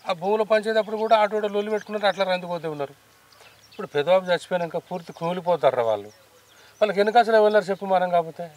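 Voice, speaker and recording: A man's voice: sits high, close to an everyday voice. An actor playing a middle-aged village father who coaxes and consoles his children in a Telangana accent. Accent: Telangana Telugu. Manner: coaxing, consoling, brisk. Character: older village father, soothing and fond.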